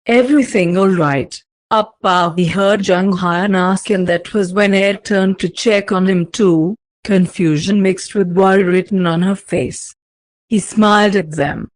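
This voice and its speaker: A woman reads a story aloud at a steady, even pace, her voice sitting in an ordinary middle register. The recording is dry and close, with no room sound around her. The narration stays level and measured throughout. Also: mid-range voice, dry recording. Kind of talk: fanfiction read aloud.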